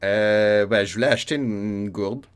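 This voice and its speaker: Playing an old role-playing game, this man gives easygoing, chatty let's-play commentary in a Quebec French accent, often laughing and addressing his chat. His voice sits lowish and smooth, moving at a normal pace.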